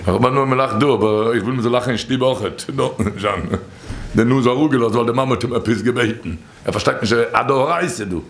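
A man telling stories from religious teachings in an informal, animated way, his voice leaping high and then dropping low. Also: fast talker. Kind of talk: informal storytelling talk. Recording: echoey room.

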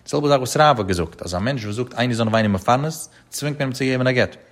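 A man giving a Talmud study lecture in a rapid, chanting delivery with frequent rises and falls. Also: medium pitch. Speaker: Talmud teacher.

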